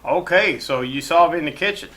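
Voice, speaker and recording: A man's voice: on the high side, a little fast, pushed and bright, roomy sound, rough recording. A man hosting a casual home cooking show, talking in a rambling, profane, folksy way from his kitchen.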